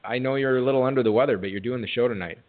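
A man's voice: medium pitch, rapid-fire. A man hosting a fantasy football talk show, reading promos with jokey, self-deprecating patter. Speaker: podcast host. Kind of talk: casual sports radio talk. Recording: tinny phone-like audio.

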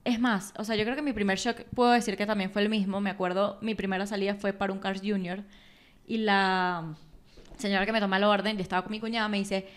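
A woman's voice: medium pitch, little pitch movement, quick pace, clear, resonant tone. A Venezuelan woman with a Venezuelan accent, a podcast guest who talks expressively and acts out quotes in casual chat.

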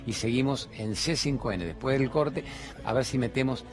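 A man's voice: medium pitch, normal speed, faint music behind. A man with an Argentine accent giving an impassioned spiritual monologue as a TV host, full of rhetorical questions and repeated phrases. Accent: Argentine Spanish. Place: large TV studio.

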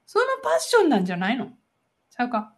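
A woman's voice: on the high side, big pitch swings, fast, breathy edge. A woman with a Kansai accent, a podcast co-host chatting and teasing her partner. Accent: Kansai Japanese. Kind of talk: casual chat.

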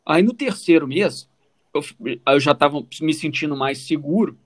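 Speaking at a normal speed in a voice on the high side, this man relates his personal story as a podcast co-host. His Brazilian Portuguese accent comes through, his style is casual and informal, and he frequently slips in small check-in questions.

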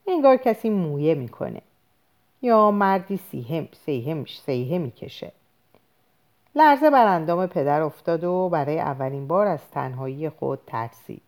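Female audiobook reader, low voice, lively expressive delivery, dramatic literary narration.

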